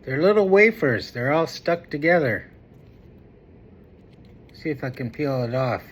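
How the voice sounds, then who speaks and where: A man's voice: on the high side, expressive, measured pace, a little hiss or hum. A man talking casually to his viewers as a food review vlogger.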